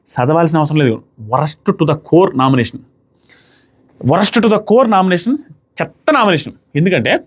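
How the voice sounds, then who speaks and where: A man reviewing a reality show episode, recounting scenes with emphatic opinions and acting out the quoted lines. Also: a little high.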